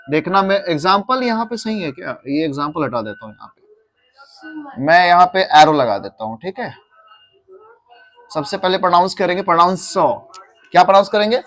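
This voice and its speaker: A man's voice: sits high, a bit bright. A male teacher in a classroom, drilling students on pronunciation and patiently repeating words, mixing English into his Hindi.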